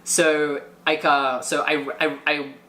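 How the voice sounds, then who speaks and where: A man telling a travel story in casual chat, animated and full of filler words. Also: a little high, takes it slowly, roomy sound. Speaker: guest storyteller.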